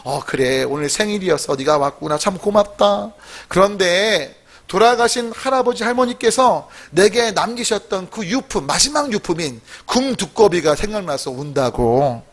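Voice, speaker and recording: A man voicing a poor, weary widowed mother who speaks softly and sadly. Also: high voice, expressive. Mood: sorrowful. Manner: soft, slow, subdued.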